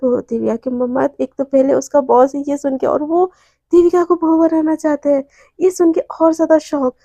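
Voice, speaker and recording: Brief: woman storyteller, high and mellow, chatty rambling retelling, dry close sound. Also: steady tone, normal speed, no echo. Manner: chatty retelling with frequent fillers. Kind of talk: casual story narration.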